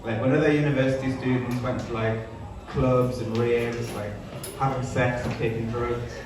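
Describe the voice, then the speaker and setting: A man's voice: medium pitch, flat delivery, moderate pace, a crowd in the background. A young man from Newcastle doing stand-up comedy, in a hesitant, rambling, self-deprecating way. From Newcastle, northern England. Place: small sparsely filled comedy venue. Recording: echoey live room, distant mic, audience noise.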